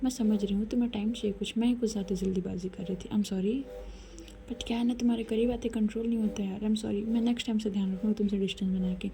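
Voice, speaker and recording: A woman voicing an eager, apologetic young woman lover in a whispered role-play, with hushed whispering. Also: medium pitch, fairly even intonation, fast, a little hiss or hum, natural voice.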